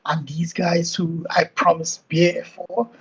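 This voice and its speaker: Husky-voiced game player. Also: mid-range voice, level tone, slow, highs cut off. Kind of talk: tabletop game chat.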